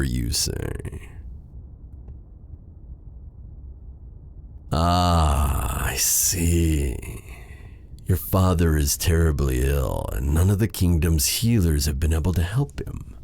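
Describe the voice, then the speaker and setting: Very deep, sly dark sorcerer. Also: male voice, heavily acted. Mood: curious, probing. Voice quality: breathy, gravelly. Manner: theatrical, teasing, drawn-out silky delivery. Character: sly, menacing, seductive dark sorcerer man. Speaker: voice actor. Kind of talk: ASMR fantasy roleplay acting.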